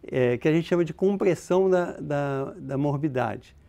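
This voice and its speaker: A man's voice: a little high, moderate pace, creaky, mellow. A Brazilian man, a demographer, explaining concepts in an interview with many hesitations. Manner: hesitant, many fillers and restarts while explaining.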